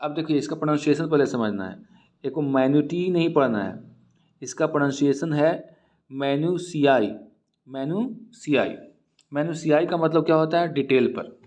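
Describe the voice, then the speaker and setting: A man with an Indian accent, teaching English by reading editorial lines slowly and then explaining word meanings in Hindi. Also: fairly high pitch, darkish tone.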